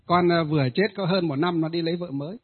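A man's voice: fairly high pitch, fast, slightly rough. A man voicing the grieving, jealous ghost of a young wife who died, accusing and wailing. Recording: tinny phone-like audio.

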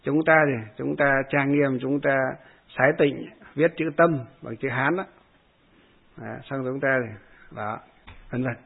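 A man's voice: mid-range voice, a little slow. A man, a Buddhist monk, giving a dharma talk that answers a follower's question, explaining step by step with many hesitation fillers and short chanted verses. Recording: husky voice over tinny phone-like line.

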